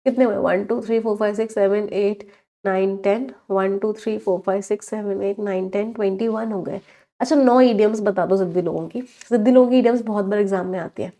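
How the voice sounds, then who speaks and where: A woman with an Indian accent teaching English vocabulary in a live online exam-prep class, mixing Hindi and English, asking the class questions and drawing out each English word slowly. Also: mid-range voice, fairly even intonation, warm tone.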